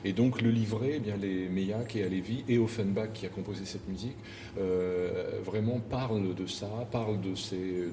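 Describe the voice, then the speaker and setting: Deep-voiced man, roomy and distant. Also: mellow. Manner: thoughtful, searching for words with many restarts. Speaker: opera stage director. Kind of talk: interview answers. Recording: roomy, distant mic with noise.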